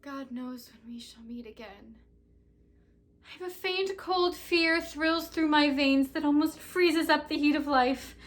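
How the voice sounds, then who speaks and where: A woman's voice: high-pitched, unhurried. A woman performing Juliet's potion speech as a frightened young woman, in a dramatic classical style. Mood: fearful. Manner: fearful, dramatic, swings from hush to cries. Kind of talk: Shakespeare monologue performance.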